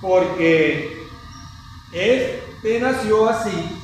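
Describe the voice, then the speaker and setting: A man's voice: sits high, expressive, very slow. A man hosting a conversational Bible study, retelling scripture as a story and checking in with his co-host. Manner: addresses his co-host often. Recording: echoey, distant mic with faint noise.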